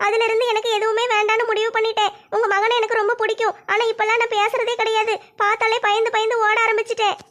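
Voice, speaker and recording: A high, rapid voice of a poor village mother, as a woman acts her out, begging the village head for mercy. Her pitch stays narrow and level, and the words tumble out quickly. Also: little pitch movement, fairly bright tone. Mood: pleading. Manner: pleading, apologetic, speaks fast and high. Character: tearful poor village mother, pleading and meek. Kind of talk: family comedy skit.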